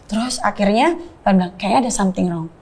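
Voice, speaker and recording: A woman's voice: mid-range voice, fast, darkish tone. A woman sharing a personal faith testimony in earnest storytelling, slipping English phrases into her speech.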